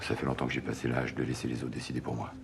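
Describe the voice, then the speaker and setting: An actor playing a seasoned, stubborn police investigator in a TV crime drama, terse and understated with a deep, gravelly voice. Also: male voice, completely flat delivery, very fast. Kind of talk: naturalistic TV crime drama acting. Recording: TV soundtrack with music underneath.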